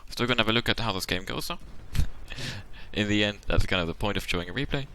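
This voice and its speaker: A man's voice: on the low side, a little fast, sharp tone. A man hosting his channel, giving casual tactical commentary on a game replay. He explains the options at length and thinks aloud, and his voice sounds tired and worn out.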